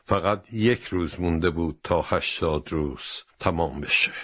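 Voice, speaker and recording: A man narrating a storybook in a steady, expressive reading voice. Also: sits low, no room sound.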